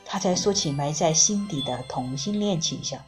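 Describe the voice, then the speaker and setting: A woman narrating a book in the first person, reading in a calm, measured way. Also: low-pitched, faint music behind. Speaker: audiobook reader.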